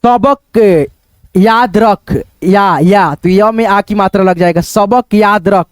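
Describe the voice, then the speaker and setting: A man's voice: high-pitched, slow pace, clean tone, dry recording. A man teaching Hindi reading and writing in an online lesson, patiently sounding out words syllable by syllable and repeating them.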